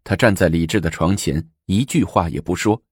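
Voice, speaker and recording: A man narrating a historical story in a lively, expressive storytelling style. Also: sits low, normal speed, breathy edge, no echo, studio quality.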